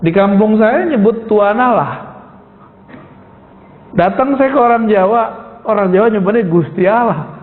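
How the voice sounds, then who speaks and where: A man's voice: high voice, measured pace, long pauses. A male preacher giving an informal sermon, putting rhetorical questions to his listeners and calling them "Pak". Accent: Indonesian. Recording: echoey hall, tinny phone-like sound.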